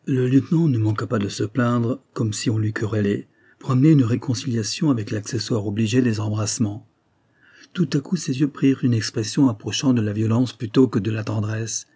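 A man narrating a classic novel as an audiobook, reading in a measured, steady way. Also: medium pitch, husky.

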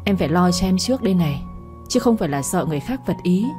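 A woman reading the part of a resolute young man who urges sharply, in a low, warm voice. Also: expressive, fast talker, soft background music, lightly acted. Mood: insistent. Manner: sharp, insistent urging. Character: firm, protective young man.

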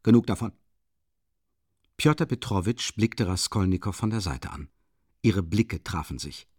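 A man narrating a classic novel in a measured, expressive storytelling manner. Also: sits low, husky, no echo, clean studio sound. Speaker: audiobook reader. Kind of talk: scripted literary narration.

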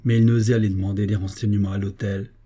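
Male narrator, audiobook reading, measured, low pitch, husky. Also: flat delivery, warm tone.

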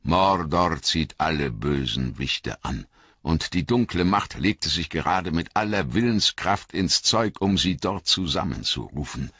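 A man voicing an old, wise male wizard who speaks in a grave, measured way with emphatic repetition, in an audiobook reading. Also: a bass voice, lively intonation, a bit bright, slightly rough, dry recording, full character voice. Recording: dull lo-fi audiobook recording.

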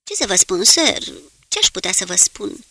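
A timid young ship's machinist stumbles through his answers in halting, broken-off sentences, read by a woman. The voice has a gravelly edge and a bright, tense color. He sounds like an uneasy sailor in an audiobook. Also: sits high, very animated, no room sound, exaggerated voice. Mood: halting, anxious.

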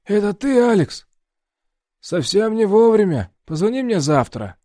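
A man doing a brisk, clipped young man. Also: high voice, big pitch swings, dark tone, no room sound, clean studio sound, pitched above the performer's own voice. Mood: impatient. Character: brisk young man friend, impatient then practical.

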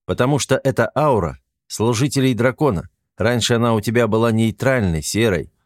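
A man reading an audiobook, voicing a calm male angel who speaks in measured, sorrowful reproach. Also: medium pitch, no echo, studio quality, close to an everyday voice.

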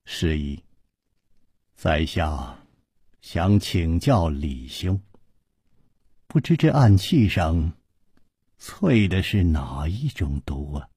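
A man's voice: very animated, darkish tone, husky, no room sound, studio quality, heavily acted. A man doing a grave, courteous hero. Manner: measured, formal, low and grave. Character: calm, courteous male hero.

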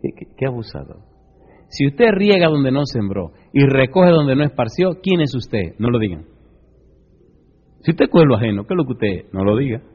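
A pastor from the Dominican Republic, with a Dominican Spanish accent, preaches a sermon and questions his congregation. His medium-pitched voice is husky and very animated at a normal speed. The recording has an echoey hall and dull, lo-fi sound.

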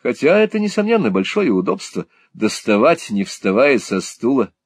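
A man's voice: medium pitch, very animated, moderate pace, breathy edge, dry recording, clean studio sound, pitched above the performer's own voice. A man voicing an earnest, naive young playwright who explains things politely with a touch of irony. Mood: explaining.

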